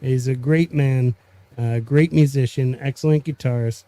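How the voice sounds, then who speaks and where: A man with a French Canadian accent hosting a casual, unscripted live stream, halting and pausing mid-sentence. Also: mid-range voice, fairly even intonation, mellow, no room sound. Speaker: host of a music community live stream.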